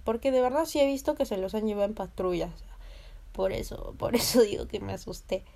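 A young vlogger with a Peruvian Spanish accent tells a personal story casually in a fast, gravelly, mid-range voice. She is animated, laughing, swearing, and acting out other people's voices.

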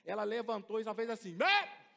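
Animated high-voiced preaching man. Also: quick pace. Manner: animated, acts out voices in the story. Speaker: pastor. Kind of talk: sermon with told story. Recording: long hall reverb.

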